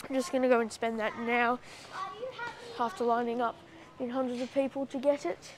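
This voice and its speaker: A woman's voice: on the high side, little pitch movement, normal speed, noisy background. A woman giving casual travel vlog commentary with dry, sarcastic asides, recorded on a handheld camera. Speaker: travel vlogger. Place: airport terminal and plane cabin.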